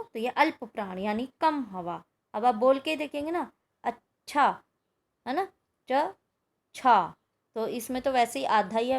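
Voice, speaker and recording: A woman teaching a grammar lesson to students, slowly repeating terms and asking and answering her own questions. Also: fairly high pitch. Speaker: Hindi teacher. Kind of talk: explaining a grammar exercise to students.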